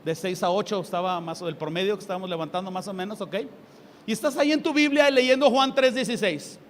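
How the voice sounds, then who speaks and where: A man with a Mexican accent preaching a sermon in a lively way, with sarcastic asides and acted-out quotes. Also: high-pitched, fast talker. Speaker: pastor. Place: church hall. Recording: reverberant hall with faint ambient noise.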